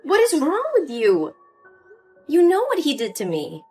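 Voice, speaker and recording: A woman's voice: sits high, wildly swooping pitch, measured pace, a little mellow, heavily acted. A woman voicing an emotional young daughter pleading with her mother in a story drama, with faint music behind. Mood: upset.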